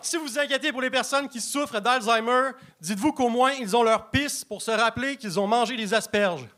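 A man doing a stand-up set of deadpan one-liners. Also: very high-pitched, brisk, slight background noise. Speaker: stand-up comedian.

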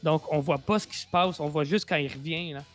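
A man's voice: on the high side, brisk, fairly bright tone, faint music behind. A man with a Québécois accent hosting a casual chat, rambling and repeating his words as he reviews a series. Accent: Quebec French. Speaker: podcast host.

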